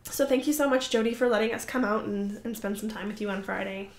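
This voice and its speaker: A young crafting podcast host talks fast in a mid-range, slightly mellow voice. She chats casually to the camera, rambling and apologizing with many fillers, and the recording has a roomy echo.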